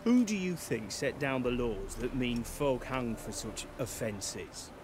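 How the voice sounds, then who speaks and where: A man's voice: medium pitch, expressive, slow pace, noisy background. An actor playing a world-weary middle-aged male soldier in a video game, speaking plainly. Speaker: guard.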